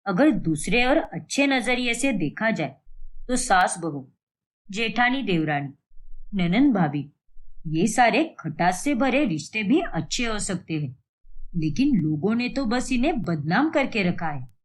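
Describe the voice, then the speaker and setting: A woman voicing a kindly older father-in-law in a cartoon story, calm and reasoning. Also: medium pitch, unhurried. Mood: gentle.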